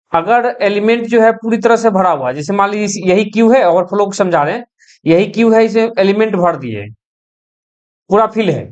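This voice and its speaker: A woman teaching an exam-prep computer science lecture, explaining step by step and mixing English technical terms into her speech. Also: mid-range voice. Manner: explains step by step, asks and answers own questions.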